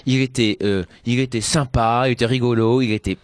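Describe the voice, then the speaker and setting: A man's voice: mid-range voice, fairly even intonation, fairly quick, no echo, studio quality. A man on a talk-show panel chatting casually, stumbling and repeating words as he goes. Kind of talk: casual chat.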